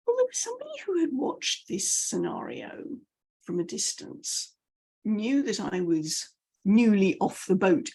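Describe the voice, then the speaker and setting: A British message clarity coach from the United Kingdom speaks to camera in British English, coaching her audience through anecdotes and self-deprecating asides. Her voice is medium-pitched, dark and husky.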